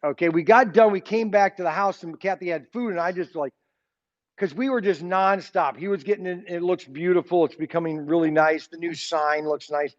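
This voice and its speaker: This high-voiced man in his sixties moves fairly quickly through an informal Sunday school Bible lesson. He rambles and keeps checking in with "okay?", and the audio is dull.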